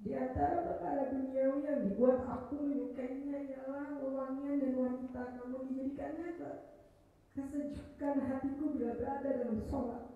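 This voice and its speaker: A woman reading a religious text aloud slowly and carefully. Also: high-pitched. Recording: echoey hall from far off, muffled.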